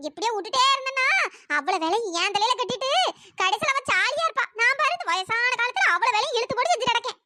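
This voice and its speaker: Old cartoon mother-in-law, a nagging scold with a pitch-raised squeal, noisy track. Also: expressive, fast, bright, forceful tone, heavily acted. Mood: grumbling. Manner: cursing, nagging, wails when hurt. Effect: pitch-raised voice editing.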